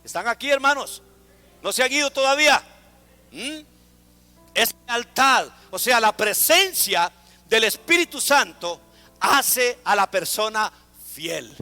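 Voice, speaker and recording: A man's voice: extremely high pitch, animated, slow, long pauses, sharp tone, big-room sound, soft background music. A man preaching a sermon to a congregation, asking them to repeat words after him. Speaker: pastor. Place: church.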